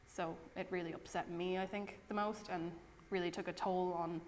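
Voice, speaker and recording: A woman's voice: lowish voice, fairly even intonation, normal speed, long reverb tail, slight background noise. A twenty-one-year-old woman speaking candidly with some hesitation in a documentary interview. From Ireland.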